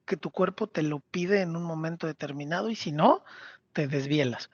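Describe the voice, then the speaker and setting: A man with a Mexican Spanish accent talking casually on a podcast, retelling scenes with lively acted-out quotes. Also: a little high, normal speed, dry recording, dull audio. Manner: animated storyteller, acts out character quotes. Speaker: podcast co-host.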